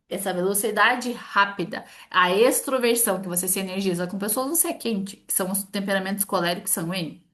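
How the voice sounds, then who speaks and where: A middle-aged therapist from talks in a casual, animated way, voicing small dialogues as she explains. Her voice sits a little high. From Brazil. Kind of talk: casual explanatory talk to camera.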